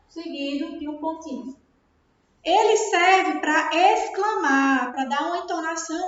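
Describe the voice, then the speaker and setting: A woman with a Brazilian Portuguese accent, teaching a grammar lesson and often checking understanding with tag questions. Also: sits high. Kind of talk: recorded classroom lesson. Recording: very echoey room, dull sound.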